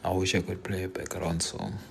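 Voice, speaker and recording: A man's voice: deep voice, little pitch movement, fairly quick, creaky, slight background noise. A young South African man from Limpopo, chatting casually on a live stream, joking and mixing English with Zulu slang. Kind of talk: casual live stream chat answering viewers.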